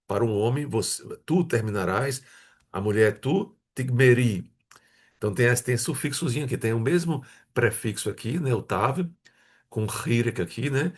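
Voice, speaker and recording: A man from Brazil, teaching a grammar lesson, patiently repeating words and checking in with his students. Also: mid-range voice. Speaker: Hebrew teacher.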